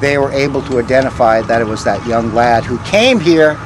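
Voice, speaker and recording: An older man tells stories conversationally as a tour guide to a walking group, pausing hesitantly and letting line ends trail off. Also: medium pitch, animated. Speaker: ghost walk guide, former vice principal. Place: outdoors on a town street. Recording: outdoor street recording with faint traffic noise.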